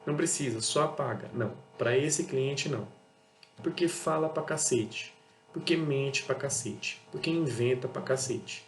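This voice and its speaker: A little slow and mid-range in pitch, a Brazilian man with a Brazilian Portuguese accent, who runs an auto parts business and hosts a channel, speaks bluntly in a casual monologue. He keeps repeating himself and acts out customer exchanges. Faint music sits behind him in an echoey, faintly humming room.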